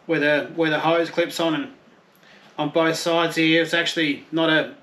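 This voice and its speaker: At a moderate pace and in a level, fairly bright voice that sits a little high, an Australian man in his thirties reviews camping gear he's unboxing. He keeps it laid-back and chatty, jokes at his own expense, swears mildly, and moves from an outdoor patio to a garage.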